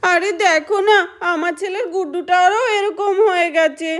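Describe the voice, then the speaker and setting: A woman's voice: very high voice, fairly even intonation, moderate pace, a bit bright. A woman voicing an anxious village mother who talks in a worried, apologetic way.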